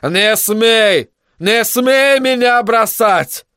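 Brief: male reader doing a brooding, shamed bird-man, hushed or desperate, dry close sound. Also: very high-pitched, extremely slow, smooth, no room sound, voice pushed up, exaggerated voice.

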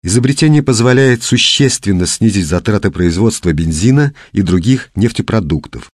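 A man's voice: fairly low pitch, lively intonation, moderate pace, no room sound, studio quality. A man voicing a female TV news anchor in an audiobook, reading a bulletin in a formal, upbeat way.

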